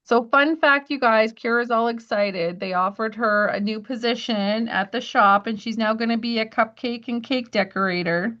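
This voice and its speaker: A woman's voice: fairly high pitch, moderate pace, hardly any pauses, a bit bright, lo-fi sound. A woman teaching a live crafting class at home, chatty and friendly, walking viewers through each step. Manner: chatty, friendly instructing with little laughs.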